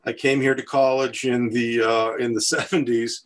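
Older man speaking in measured, repeating phrases. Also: medium pitch, level tone. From US West Coast. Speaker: podcast guest. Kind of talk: conversational interview.

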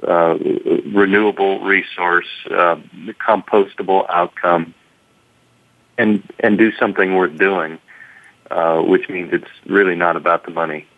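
Deep-voiced man on a phone-like line. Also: steady tone, unhurried, no room sound. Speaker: company representative, interview guest. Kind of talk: explanatory interview answers. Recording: thin phone-line sound.

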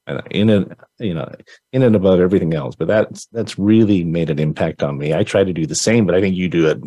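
A male host with a very low voice talks in a rambling, effusive way, often restarting his sentences. The sound is dry and close, with no room around it. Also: fast talker, mellow, dry recording. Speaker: podcast host. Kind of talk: casual interview.

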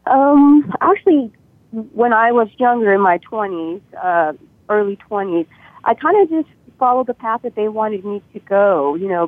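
A woman guest calling in over a thin, tinny phone line, talking in a relaxed, chatty way with plenty of fillers. The line sounds dry and close. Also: medium pitch, dry recording. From Thailand, raised in Northern California. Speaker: DJ, interview guest. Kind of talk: casual interview chat.

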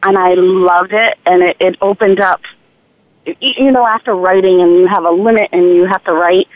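A woman caller heard through a clipped, narrow phone line. She speaks haltingly and restarts often. The sound is dry, with no room around it. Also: fairly low pitch, steady tone, dry recording. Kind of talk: call-in chat.

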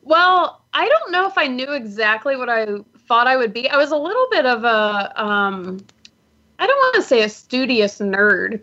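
In a casual interview captured on muffled lo-fi audio, a young Southern woman from Georgia who founded a business talks chattily, laughing a lot and poking fun at herself. Her voice is a little high, pushed, and bright.

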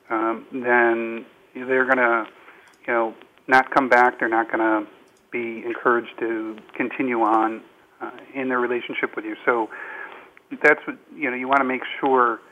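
A man joining a panel discussion as a guest, speaking slowly and hesitantly with many fillers, over a phone line. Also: medium pitch. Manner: slow, hesitant, filler-heavy. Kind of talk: casual discussion. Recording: tinny phone line with faint noise.

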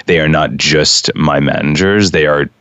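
A man speaking as a guest on a radio show, earnest and heartfelt, with halting restarts. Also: extremely low pitch, a bit bright, clean tone, no echo. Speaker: radio show guest, real estate agent. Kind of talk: casual talk radio interview. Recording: dry muffled radio audio.

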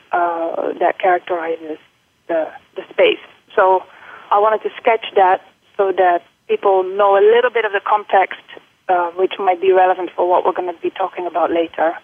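Over a phone line, a Dutch woman with a medium-pitched voice speaks as an interview guest who teaches at a college. Her accent shows British and American traces, and she sounds hesitant, full of fillers and restarts. The recording is dry.

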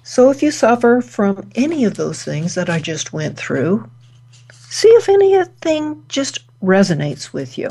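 A woman talks slowly and deliberately, with long pauses between short phrases. Her voice sits at a middle pitch. She is hosting a calm, reflective wellness talk. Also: gravelly, breathy edge. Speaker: host.

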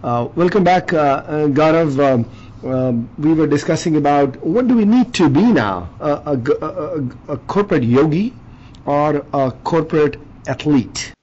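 A man's voice: a little high, animated, unhurried, darkish tone. A man hosting a radio interview show in a conversational way, on a lo-fi, slightly noisy line. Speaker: radio talk show host. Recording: dull lo-fi line with faint noise.

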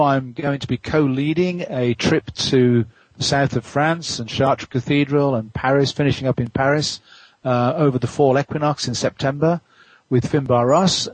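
A man hosting a radio talk show, making measured, steady announcements and introducing his guest. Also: medium pitch, breathy edge, dry recording, low-quality recording. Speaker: radio host.

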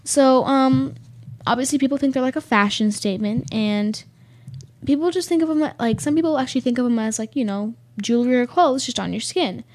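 A teenage girl chats on a student radio show, her voice sitting a bit high. She rambles casually, giggling and leaning on fillers as she talks. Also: a little fast, darkish tone. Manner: chatty, giggly, filler-heavy with lots of likes and ums. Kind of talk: casual chat on air.

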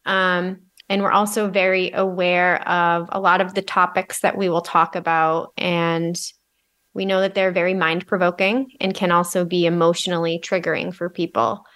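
A woman's voice: lowish voice, flat delivery, moderate pace, a bit bright. A woman co-hosting a podcast, talking conversationally in a reflective, earnest way as she explains things. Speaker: podcast co-host.

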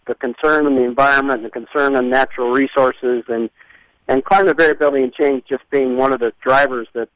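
A man with a head cold explaining things as an expert radio guest, halting, thoughtful and long-winded. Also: medium pitch, no room sound. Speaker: interview guest, environmental scientist. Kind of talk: explanatory radio interview talk. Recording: dull lo-fi radio sound.

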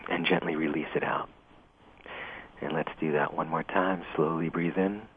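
A man leading a guided meditation in a slow, gentle, soothing way, heard over a narrow radio broadcast. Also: very deep voice, fairly even intonation, a little hiss or hum. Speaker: meditation teacher.

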